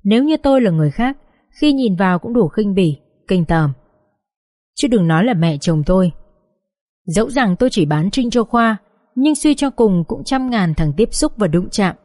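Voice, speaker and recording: A woman's voice: mid-range voice, lively intonation, moderate pace, warm tone, no room sound, clean studio sound. A woman narrating a dramatic first-person audiobook story in a sorrowful, confessional tone.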